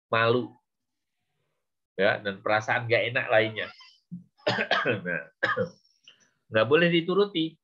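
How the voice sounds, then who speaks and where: A man lecturing on public speaking, with many short fillers and a measured, explaining manner. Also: mid-range voice. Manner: slow, with frequent "ya" and "gitu ya" fillers. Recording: dull lo-fi recording.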